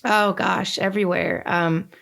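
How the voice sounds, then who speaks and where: A young woman from the Northeastern United States, chatting as a podcast guest, candid and lively with lots of fillers. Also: medium pitch, measured pace, vocal fry. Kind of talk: casual conversation.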